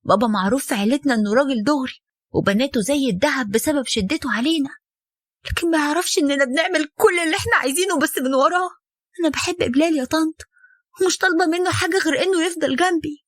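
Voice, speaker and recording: A woman's voice: extremely high pitch, rapid-fire, fairly bright tone, no room sound, pitched above the performer's own voice. A woman voicing a frightened, tearful young wife pleading with her elders, in Egyptian Arabic.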